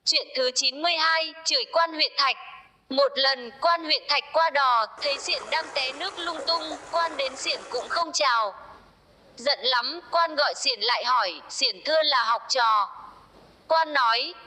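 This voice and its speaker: A woman's voice: high-pitched, measured pace, bright, forceful tone. A woman reading old folk humor tales aloud, voicing the quoted lines in her own voice. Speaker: storyteller.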